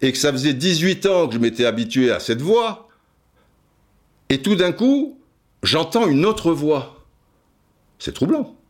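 A man's voice: fairly high pitch, sing-song, measured pace, pauses often. A man hosting a podcast, telling a rambling, digressive story with many restarts and asides. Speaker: podcast host. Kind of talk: casual storytelling monologue.

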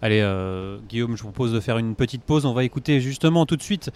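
A man hosting a conversational golf podcast, discussing tournament play with halting, repeated phrasing. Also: mid-range voice, expressive, darkish tone, clean tone. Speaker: podcast host.

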